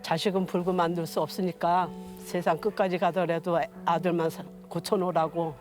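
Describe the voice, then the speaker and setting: A woman in her sixties, appearing as an interview guest, shares personal stories in plain, homely, unpolished speech. Her voice sits on the low side, with a flat delivery and a moderate pace. Music plays behind her.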